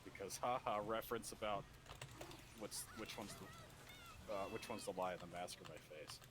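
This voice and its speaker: A man's voice: lowish voice, moderate pace, noisy background. A man chatting casually while gaming, rambling and swearing freely. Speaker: gamer.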